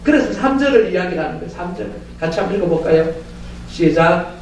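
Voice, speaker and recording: A male pastor preaching a sermon in a church, telling stories in an animated way and often acting out voices. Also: high voice, rapid-fire, creaky, slight background noise. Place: church sanctuary. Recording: echoey church from far off.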